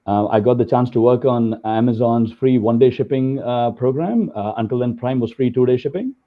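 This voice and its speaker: A guest speaker from India, with a medium-pitched voice and a fairly quick pace, gives a conversational webinar talk over slides, full of fillers. The audio sounds tinny, like a phone call.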